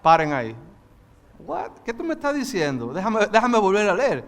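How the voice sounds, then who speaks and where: A man teaching a Bible study, talking fast and passionately and slipping English words into his sermon. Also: high-pitched, wildly swooping pitch, gravelly, big-room sound. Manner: mixes English into Spanish. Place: church hall.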